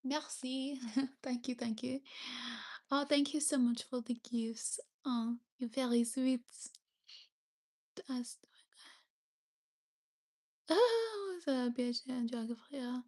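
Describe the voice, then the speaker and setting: A young woman with a noticeable French accent hosts a relaxed livestream chat. Her voice sits a little higher than most, and she talks in a friendly, easygoing way. She greets and thanks viewers and now and then pauses to find the right English word. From France. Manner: chatty, thanks viewers, searches for English words. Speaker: livestream host.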